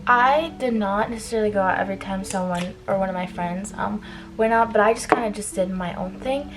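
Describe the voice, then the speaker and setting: A woman's voice: mid-range voice, fairly quick, over loud music, poor audio. A young adult woman chatting informally through a get-ready-with-me makeup vlog, giving advice with frequent filler "like" and trailing asides. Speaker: beauty vlogger giving college advice. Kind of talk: casual get-ready-with-me chit chat while doing makeup.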